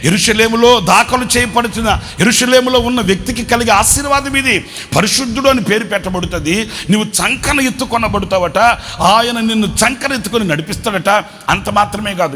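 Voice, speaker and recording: A man preaching a sermon as pastor, swinging between shouted refrains and hushed low asides and calling out questions to the congregation. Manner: questions the congregation and calls for responses. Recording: reverberant hall with faint background noise.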